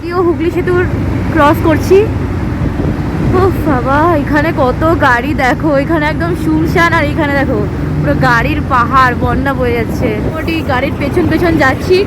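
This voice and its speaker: Chatty high-voiced woman vlogger. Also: heavy background noise. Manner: chatty, addresses viewers as friends. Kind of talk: casual travel vlog narration.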